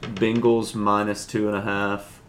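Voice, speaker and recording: A man's voice: lowish voice, little pitch movement, a little slow, a bit bright. A man co-hosting a casual football podcast, easygoing and a little hesitant. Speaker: podcast co-host. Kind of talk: casual chat about football picks. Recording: clear background noise.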